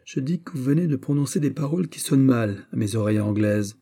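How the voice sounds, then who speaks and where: Casting: male reader as a haughty, phlegmatic English duke, dark husky voice. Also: mid-range voice, expressive, fast talker, voice pushed up.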